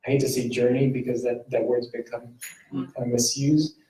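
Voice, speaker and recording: A palliative medicine physician answers on a panel, speaking earnestly and repeating words as he searches for them. His mid-range voice is mellow, level and at normal speed, picked up from off mic in a roomy hall.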